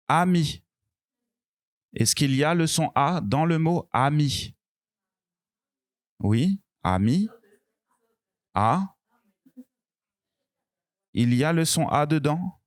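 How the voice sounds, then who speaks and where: Male language teacher, slow patient delivery, repeats each word for beginners, dry room. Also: a little high, animated, dry recording. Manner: slow, patient, repeats words and sounds clearly. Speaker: French teacher. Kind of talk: beginner pronunciation lesson.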